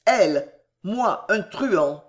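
A man playing a proud young swordsman who speaks hoarse and stammering with fervent despair. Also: sits high, expressive, drawn-out words, exaggerated voice. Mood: desperate.

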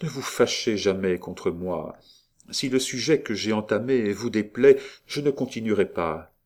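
A man's voice: on the low side, expressive, a little slow. A man voicing Roland, a brooding young lover. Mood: pleading. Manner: soft, hushed, pleading. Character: young nobleman, brooding and jealous. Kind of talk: audiobook reading.

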